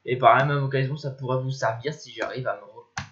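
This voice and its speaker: A man's voice: mid-range voice, brisk, a little hiss or hum. Young man rambling through a dull tutorial. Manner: rambling, thinks aloud, mutters at software. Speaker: tutorial maker. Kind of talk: casual screen-recorded tutorial. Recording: dull lo-fi mic.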